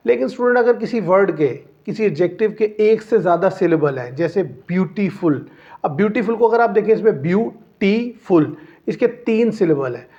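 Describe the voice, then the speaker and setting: A man teaching English grammar to students, explaining step by step and answering his own questions. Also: high voice. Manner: slows down and stretches out the English example sentences. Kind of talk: classroom-style grammar lesson. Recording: dull lo-fi recording.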